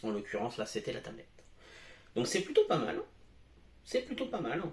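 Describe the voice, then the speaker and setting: A man's voice: mid-range voice, huge pitch swings, normal speed, creaky, a little mellow, reverberant. A man giving a casual product demo at home as a tech reviewer, talking with many hesitations and fillers.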